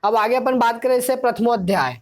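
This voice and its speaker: A woman teacher gives an exam-prep grammar lesson in a fairly high voice. She drills the material by asking a question, answering it herself and going over each point again. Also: animated, fairly quick. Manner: asks the class questions and answers them, repeats key points; explanatory, drilling tone.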